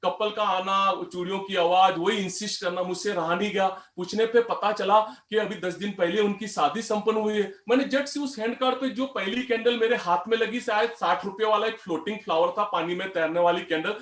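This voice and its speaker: Middle-aged man, high voice, storytelling motivational speaker addressing the crowd as friends, booming echoey hall. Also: steady tone, fairly quick, few pauses, fairly bright tone. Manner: anecdotal, addresses the audience as friends.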